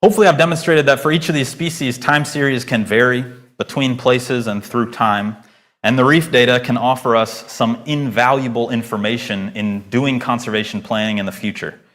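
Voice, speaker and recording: This is a man in his thirties presenting research at a conference, speaking into a microphone before an audience in a lecture hall, with Q&A included. His voice is mid-range and slightly bright, at a normal speed. He lectures earnestly and emphatically, with rising stresses.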